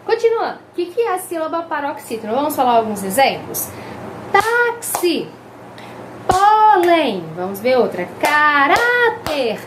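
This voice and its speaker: A woman teaching a grammar lesson. She is lively and emphatic, drags out her example words and keeps asking the viewer questions. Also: sits high, fast, hardly any pauses, background noise. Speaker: Portuguese language teacher.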